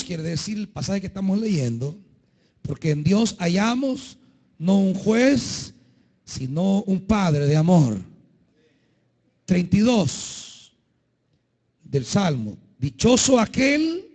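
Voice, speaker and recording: A man preaching a sermon as pastor, impassioned, swinging between shouted pleas and low, quiet lines. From El Salvador.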